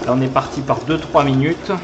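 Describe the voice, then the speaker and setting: A man with a Toulouse French accent gives a live pastry lesson, talking casually while he works. His voice sits at an ordinary pitch and bounces around an echoey kitchen. Steady background noise runs under the recording. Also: fairly quick, muffled recording. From southern France. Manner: chatty, talks while whisking and stirring. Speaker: pastry teacher.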